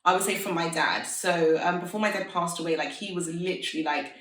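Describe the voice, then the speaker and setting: A fashion entrepreneur in her thirties chats upbeat and casual as an interview guest, her speech full of filler "like"s. Her voice is on the low side, brisk and a bit bright, picked up by a distant mic with roomy echo.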